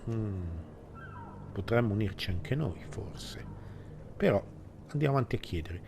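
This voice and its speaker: A man's voice: lowish voice, lively intonation, normal speed, creaky, noisy background. A man with an Italian accent giving casual gameplay commentary, thinking aloud in short phrases. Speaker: gaming video host. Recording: music behind the voice.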